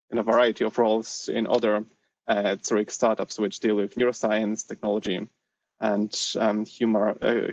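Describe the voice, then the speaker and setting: A man speaks through a face mask, sounding muffled and away from the microphone in a roomy space. His introduction is halting, full of hesitations, as he hosts an online session, and the recording is dull. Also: fairly low pitch, recorded from a distance. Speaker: host of an online research session. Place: shared office space.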